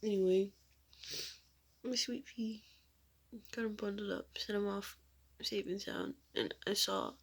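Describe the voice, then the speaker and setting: A woman's voice: mid-range voice, fairly even intonation, unhurried, creaky, fairly bright tone, husky. A young woman vlogging from her room at home in rambling, giggly casual chat, often dropping into a whisper.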